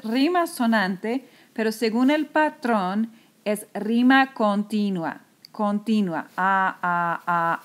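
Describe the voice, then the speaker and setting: A woman teacher talks through a recorded screencast lesson. Her voice sits a little high, and she moves at an unhurried pace. She repeats key terms patiently.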